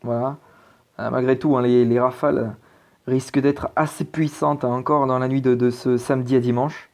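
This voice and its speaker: An amateur weather presenter talks casually over weather maps, hesitating often with plenty of fillers and restarts. His mid-range voice stays fairly flat in pitch, at a normal speed and a touch mellow.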